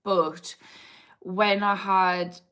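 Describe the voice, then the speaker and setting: A woman from England with a Geordie accent and slight posh twang speaks very slowly in a flat, mid-range voice that's a bit bright. She's an addiction therapist on a casual livestream, chatting informally and candidly as she reads and answers viewer comments.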